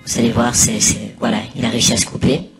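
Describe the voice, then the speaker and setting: A man giving a casual, improvised mock commentary over video, rambling hesitantly and pausing mid-sentence. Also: medium pitch, little pitch movement. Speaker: narrator of a spoof anonymous behind-the-scenes testimony. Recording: voice over loud music. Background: loud music.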